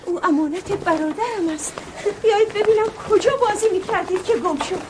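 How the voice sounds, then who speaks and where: An actress playing an anxious aunt in a period drama, with formal diction and a wailing, pleading delivery. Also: female voice, very high voice, noisy background. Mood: alarmed. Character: anxious aunt frantically searching for missing nephew. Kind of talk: dramatic period television acting.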